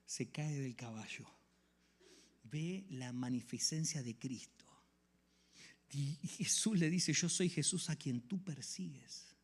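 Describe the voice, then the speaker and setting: A man preaching a sermon, swinging from hushed whispers to loud exclamations. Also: a little high. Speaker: pastor.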